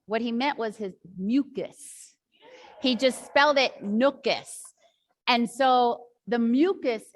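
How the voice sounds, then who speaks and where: A woman's voice: fairly high pitch, a bit bright. A woman teacher trainer giving a workshop talk to other teachers, telling a classroom story in a chatty, rambling way with many asides.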